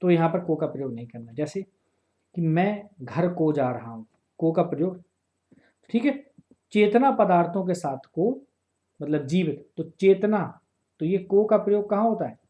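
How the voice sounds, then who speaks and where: Slow, mellow-voiced man teaching grammar. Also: sits high, expressive. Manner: slow, repeats phrases, checks with listeners often. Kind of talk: exam-prep grammar lesson.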